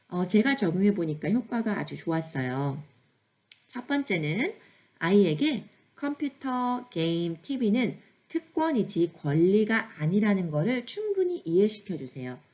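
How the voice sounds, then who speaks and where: A woman's voice: medium pitch, a little mellow, highs cut off. A woman who is a mother hosting a parenting lesson, explaining situations in a chatty, instructive way before giving set phrases.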